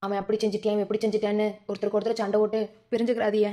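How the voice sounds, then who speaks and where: A woman's voice: mid-range voice, flat delivery, very fast, mellow, natural voice. A woman voicing an older village grandmother in a cartoon, pleading with her family in a Madurai Tamil accent. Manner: earnest, pleading family advice.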